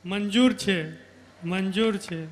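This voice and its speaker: A man as the groom, slowly repeating his assent to wedding vows. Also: sits high, a little hiss or hum.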